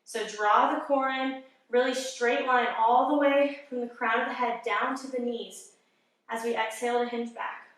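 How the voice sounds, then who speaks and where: A woman yoga instructor calmly guiding a workout, giving encouraging breath cues and sounding slightly out of breath. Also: on the high side, moderate pace. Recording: very echoey room, mic at a distance.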